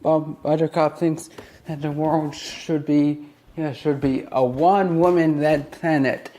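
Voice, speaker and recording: A man ranting casually in a cartoon review, rambling with many restarts and quick asides. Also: a little high, fairly even intonation, dark tone.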